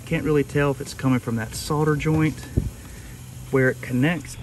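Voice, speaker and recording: A man's voice: on the high side, steady tone, normal speed, noisy background. A man working as an HVAC technician, explaining a repair outdoors in a casual, plain-spoken way with fillers. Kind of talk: on-the-job explaining. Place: outdoors at an air conditioning unit.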